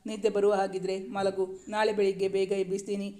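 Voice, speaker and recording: A man's voice: sits high, completely flat delivery, a little fast, warm tone, natural voice. A man reading the lines of a tender, teasing young husband in a storybook romance, speaking in affectionate, coaxing questions. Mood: gentle.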